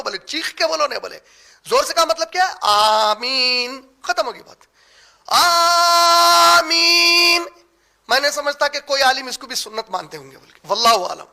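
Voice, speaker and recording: A man's voice: very high-pitched, pushed and bright. A man giving a religious lecture as an Islamic teacher. He explains points with rhetorical questions and mixes English words into his talk.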